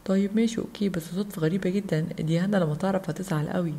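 A woman with an Egyptian Arabic accent voicing a wary, blunt boy toy doll in a lowered, hushed voice. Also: fairly even intonation, racing, slightly rough.

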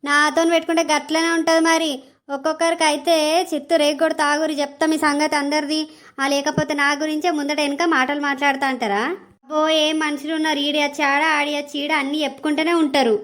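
A woman's voice: high voice, level tone, fast, a bit bright. A woman doing a sly young village wife. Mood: gloating. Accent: Telangana Telugu. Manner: whining, gossiping. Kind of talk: cartoon comedy voice acting.

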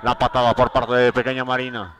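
A man's voice: mid-range voice, little pitch movement, a little fast, background noise. A man with a Mexican accent gives live play-by-play wrestling commentary, repeating himself as he follows each move. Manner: repetitive, narrating each move as it happens.

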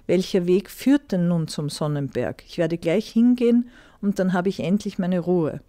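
A woman reading a fairy tale aloud and voicing the eldest son, a greedy, fearful young man who talks quickly for his own gain. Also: fairly low pitch, mellow, lightly acted. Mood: eager.

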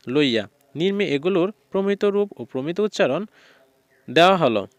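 A man's voice: sits high, no room sound. Man reading exam answers in a dry voice. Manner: steady, methodical reading of text and answers. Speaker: teacher.

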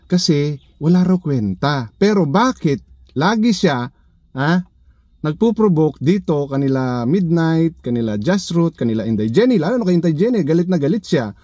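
A man's voice: a little high, very animated, moderate pace, mellow, no room sound, clean studio sound. Sarcastic man needling in a vlog. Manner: sarcastic, needling, full of rhetorical questions. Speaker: vlogger. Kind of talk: reaction commentary vlog.

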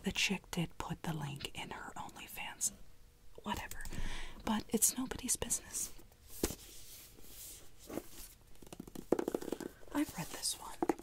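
A woman's voice: medium pitch, measured pace, close to an everyday voice. Woman acting a rude whispering librarian, whispered role-play. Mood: snippy, grudging. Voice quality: breathy whisper. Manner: curt, snippy, condescending, hushed librarian whisper. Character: rude, condescending, bossy female librarian.

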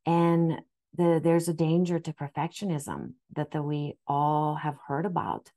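Seated facing a webcam in a room at home, a woman in her forties who speaks Japanese as her first language gives an earnest, gentle spiritual talk as an astrology guide. Her voice is deep and measured, soft in manner, with frequent restarts and fillers.

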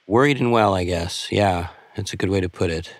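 A man's voice: sits low, dry recording. A man hosting a podcast, chatting hesitantly with a guest on the phone. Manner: halting, hesitant. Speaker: podcast host. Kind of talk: casual phone chat.

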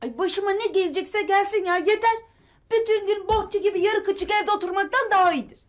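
A woman's voice: very high-pitched, brisk. An actress playing a witty, restless young woman who is stuck at home in a sitcom, with a sarcastic, exasperated tone. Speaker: daughter. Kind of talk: sitcom acting.

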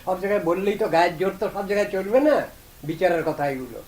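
A man's voice: high voice, lively intonation, fast talker, a little mellow, low-quality recording. A man giving a devotional discourse as a Vaishnava preacher, emphatic and stern, posing rhetorical questions.

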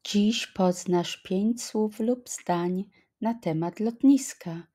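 Very slow, mellow-voiced woman teacher. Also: on the low side. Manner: deliberate, repeats each phrase twice. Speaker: language teacher. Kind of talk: slow flashcard-style language lesson.

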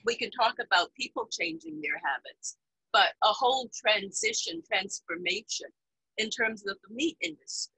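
A woman in her sixties moderating a panel over a video call from home, asking lively, probing questions. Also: on the high side, moderate pace, breathy edge, no room sound, poor audio. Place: home room, indoors. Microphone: webcam on video call.

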